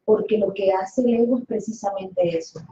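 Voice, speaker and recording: A Colombian woman leads a study group in a calm teaching voice at a mid pitch. She explains each point carefully and keeps asking questions and answering them herself. The recording sounds roomy and a little dull. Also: moderate pace, a little hiss or hum. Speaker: spiritual study group leader.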